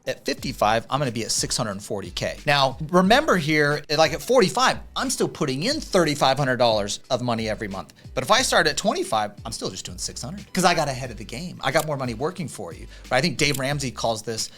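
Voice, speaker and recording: A man's voice: medium pitch, sing-song, quick pace, hardly any pauses, fairly bright tone, soft background music. A man hosting a casual financial chat, explaining with energy. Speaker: podcast host.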